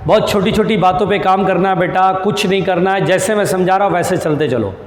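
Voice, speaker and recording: A man teaching physics to students, patient and reassuring, who repeats key terms slowly and affectionately calls them "beta". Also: high-pitched, echoey room, in a large hall, slight background noise. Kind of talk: classroom lecture.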